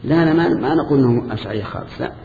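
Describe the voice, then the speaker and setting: An older man teaching a lesson to students, explaining a classical text in a measured way with restarts and questions to the class. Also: medium pitch, lively intonation, creaky, a crowd in the background. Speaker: teacher of Islamic creed. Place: lecture hall with students. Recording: echoey hall, dull lo-fi tape with faint hiss.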